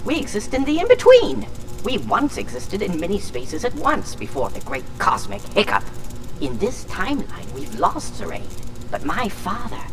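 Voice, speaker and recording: A woman's voice: medium pitch, wildly swooping pitch, normal speed, recorded from a distance, slight background noise, poor audio. A woman playing the crazy voice of an alien shard in an audio drama, ranting like an unhinged villain with theatrical, grandiose insults. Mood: mocking, manic. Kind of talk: full cast audio drama acting.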